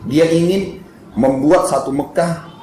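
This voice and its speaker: A man's voice: a little high, a little slow, dark tone, a little hiss or hum. Storytelling male preacher in a mosque. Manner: vivid storyteller who acts out quotes. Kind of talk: sermon storytelling. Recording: echoey mosque hall with faint ambience.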